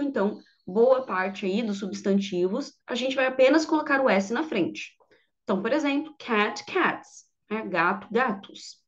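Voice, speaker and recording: A woman, teaching English grammar in an online lesson, patient and repeating each word for her students. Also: fairly high pitch. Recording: dull lo-fi audio.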